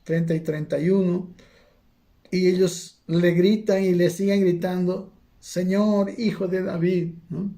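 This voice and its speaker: A man's voice: on the high side, mellow. Man preaching a Bible study, conversational. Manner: conversational, asks "¿no?" again and again, many restarts.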